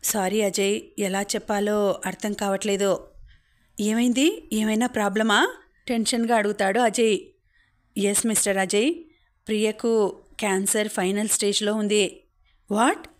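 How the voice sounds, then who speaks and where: A woman narrating a romantic family drama story, reading every character's lines herself in her own voice. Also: mid-range voice.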